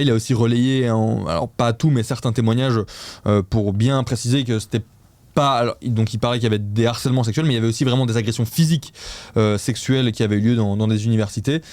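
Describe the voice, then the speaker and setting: A male show host talks through the week's news in a loose, chatty way, often stopping and restarting his sentences. His voice sits at an ordinary middle pitch and comes across dry and close, with no room sound around it. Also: darkish tone, no echo. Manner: hesitant, restarting often, chatty and self-mocking. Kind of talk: casual news recap and quiz with co-hosts.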